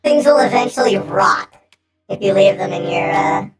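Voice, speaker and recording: A woman's voice: fairly low pitch, lively intonation, moderate pace. A woman game streamer giving casual commentary as she plays and reads game text aloud. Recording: echoey room, faint game music behind.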